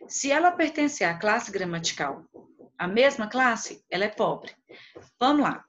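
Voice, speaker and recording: A woman teacher walks her class through poetry at an unhurried, measured pace. She breaks each verse into syllables and counts them out one at a time. The recording is dull and lo-fi. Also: medium pitch, expressive, fairly bright tone.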